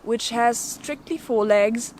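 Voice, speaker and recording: This educational video is hosted by a woman whose fairly high, darkish voice moves at a slow pace. She reads scripted narration with a playful, lightly theatrical touch and drops in casual asides, against noticeable background noise.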